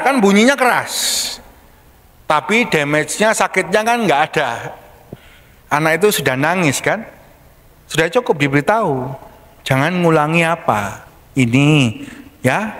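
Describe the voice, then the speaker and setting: Conversational pastor. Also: male voice, on the high side, a bit bright. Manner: conversational, colloquial. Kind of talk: storytelling sermon. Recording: long church hall reverb.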